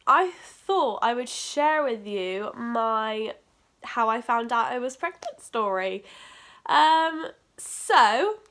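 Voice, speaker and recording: Young female vlogger, bright higher voice, nasal and bunged up, chatty storytime delivery. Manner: chatty, upbeat, jokey asides. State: congested, nasal from hay fever. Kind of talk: casual storytime chat to camera. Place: bedroom at home, indoors. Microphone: camera facing her.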